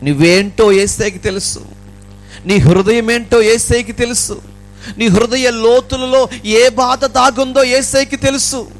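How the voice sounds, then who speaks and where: A man's voice: very high voice, fairly even intonation, measured pace, faint music behind. A male pastor preaching a sermon at an evening gospel meeting, impassioned, with rhythmic repetition.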